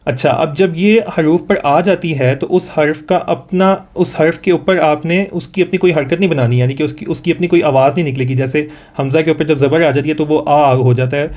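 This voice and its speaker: This fairly high-pitched, slightly mellow voice belongs to a man with a Pakistani accent. He teaches Quran reading one-on-one, patiently sounding out each sound slowly for his student to echo.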